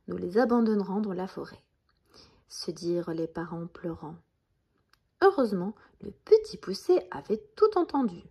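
Gentle breathy woman telling bedtime stories. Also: medium pitch. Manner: gentle, often half-whispered. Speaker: storyteller. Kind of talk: bedtime story reading.

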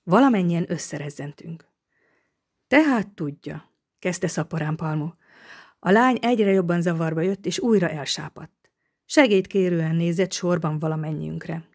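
A woman narrating an audiobook novel in a steady, even storytelling manner. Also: on the low side.

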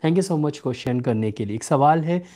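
With a voice that's a little high, a young homeopathic doctor runs a live clinic answering viewers' questions. He's steady and instructive, slowing to read questions aloud, and is recorded on a desk webcam in a small home room.

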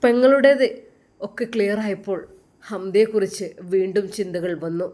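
A woman's voice: medium pitch, normal speed, a little mellow. A woman narrating a dramatic story with an emotive, rising delivery.

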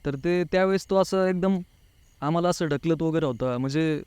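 Speaking at a moderate pace, the man's voice sits on the high side and is a little mellow, with a clean tone and no echo. As an interview guest from Pune, he casually narrates a personal experience, acting out people's words and filling gaps with "नाही का" again and again.

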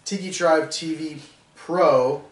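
A man's voice: fairly high pitch, takes it slowly. Laid-back man on a roomy podcast. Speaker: podcast co-host. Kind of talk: casual chat. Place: small room at a table with others. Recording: roomy, distant, faint hiss.

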